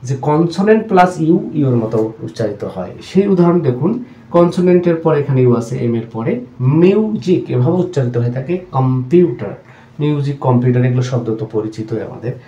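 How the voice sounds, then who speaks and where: A man teaching English pronunciation rules. His voice is mellow and dark. He repeats each example word slowly and keeps calling his viewers friends, and the recording has a roomy echo. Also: mid-range voice, lively intonation, highs cut off. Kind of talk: explanatory lesson.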